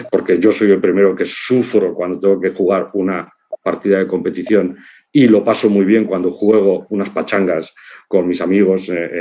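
A Spanish-accented man in his fifties, a writer and philosopher, gives an informal conference talk over a video call from his living room. His low, mellow voice moves in a reflective, halting way, and he often checks in with short tags.

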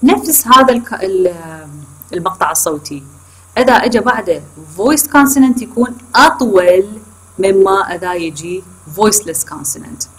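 A woman's voice: mid-range voice, expressive, moderate pace, breathy edge, poor audio. A woman with an Iraqi Arabic accent gives a recorded online lecture to her students. She mixes English terms into her explanations, corrects herself often and checks in with questions. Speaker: university lecturer.

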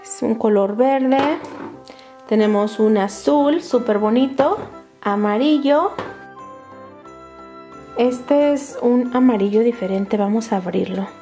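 A Latin American woman with a Spanish accent hosts a children's toy channel, her voice high-pitched, bright and sing-song. She unboxes toys and narrates crafts for kids with excitement, using diminutives, going slowly and pausing often over background music.

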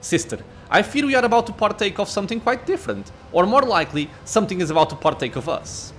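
A man reading out the lines of a dry-witted male seneschal and old soldier, wry and measured. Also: high-pitched, animated, a bit bright, soft background music. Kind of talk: reading game dialogue aloud.

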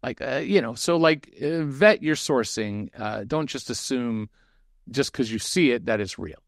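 A man's voice: medium pitch, lively intonation, measured pace, dry recording. Guy hosting a webinar q&a, loose and chatty, lots of ums, dry close sound. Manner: loose, chatty, with many fillers and restarts. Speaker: webinar co-host reading audience questions. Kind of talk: casual webinar chat.

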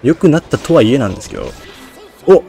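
A man's voice: mid-range voice, huge pitch swings, quick pace, gravelly, warm tone, soft background music. A man giving rambling, self-deprecating commentary on a game, his diction slurred and hard to catch. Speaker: game streamer. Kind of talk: casual Let's Play commentary.

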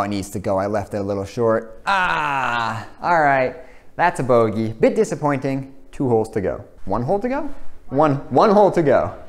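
A young man hosts a casual golf series. He narrates his own play in an informal way, in an average-pitched voice. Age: young adult. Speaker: host of a simulator golf series.

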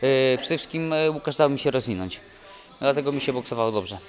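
A young man, a boxer, speaking in a halting, dejected way with many restarts in a post-fight interview at an indoor event press wall. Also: mid-range voice, expressive. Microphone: handheld mic held by interviewer.

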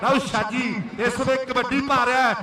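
Male sports caller, Punjabi accent, hearty and loud, very high sharp voice, echoing from a distance. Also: moderate pace. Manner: loud, hearty, excited calling with repeated words. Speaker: kabaddi match commentator. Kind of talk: live tournament commentary and announcements. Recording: echoey PA, distant mic, faint noise.

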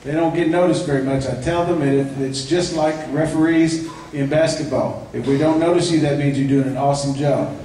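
A man introducing his vocal ensemble at a live concert, halting with fillers and light jokes. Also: a little high, fairly even intonation, warm tone. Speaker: ensemble director introducing singers. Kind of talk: live concert emcee talk. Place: church sanctuary. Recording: echoey church, distant mic, faint noise.

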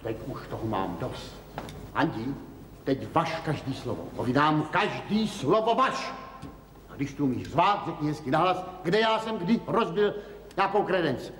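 An actor playing an indignant, worn-out middle-aged husband home from the factory, protesting in exasperation, in a 1970s TV drama. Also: male voice, a little high, big pitch swings, a bit bright. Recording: echoey 1970s TV film sound, faint hiss.

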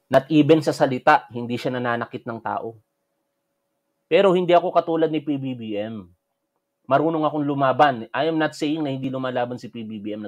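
A man from the Philippines ranting at his critics in a combative, scolding, mocking commentary. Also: mid-range voice. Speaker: vlogger answering critics.

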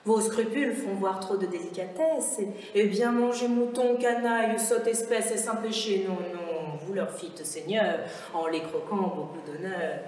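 A woman reading the part of a sly, flattering male fox courtier with a smooth, fawning delivery in a verse fable. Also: medium pitch, measured pace, few pauses, natural voice. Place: large stone chapel, live audience reading. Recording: echoey chapel, voice from far off.

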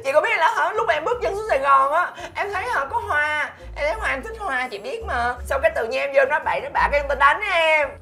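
A woman's voice: high voice, expressive, fast talker, creaky, hardly any pauses, sharp tone, heavily acted. A melodramatic country girl. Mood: dramatic. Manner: dramatic, whiny, melodramatic. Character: naive, emotional young country woman, the younger sister. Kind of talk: sitcom acting.

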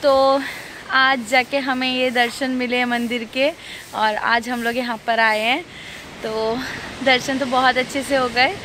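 A woman in her thirties, her voice sitting a little high, chats informally to her phone camera while travelling. She records outdoors, and some faint noise runs under her voice. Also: steady tone, measured pace, fairly bright tone. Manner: chatty, informal, talks straight to camera. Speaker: travel vlogger. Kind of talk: casual travel vlog narration. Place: outdoors at night by a roadside stall and at a temple. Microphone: phone held at arm's length.

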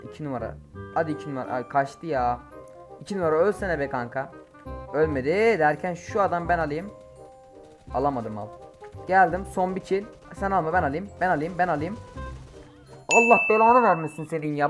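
Excitable young man shouting over gameplay. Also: a little high, music in the background. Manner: excitable, quick to curse and shout at teammates. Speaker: mobile game streamer. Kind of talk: live gameplay commentary. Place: home, playing on an emulator.

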